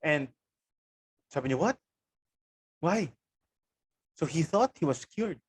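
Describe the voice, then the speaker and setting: A man with a Filipino accent giving an online psychology lecture, measured and explanatory, pausing on frequent ums. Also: on the high side, animated, slightly rough. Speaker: webinar presenter.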